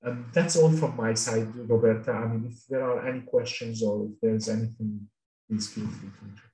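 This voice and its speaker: A man's voice: on the low side, fairly even intonation, moderate pace, dark tone. A middle-aged man from Syria, a cluster coordinator, giving a webinar talk over a video call with many restarts and fillers. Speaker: panel speaker, cluster coordinator. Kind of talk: webinar presentation. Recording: roomy, distant video call audio.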